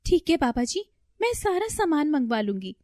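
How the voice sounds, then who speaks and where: A fretful older mother-in-law from a storybook cartoon, as a woman puts her on, shrieking high and loud. Her shrill voice leaps wildly up and down as she wails and pleads. The sound is close and dry. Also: very animated, normal speed, dry recording. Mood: anxious.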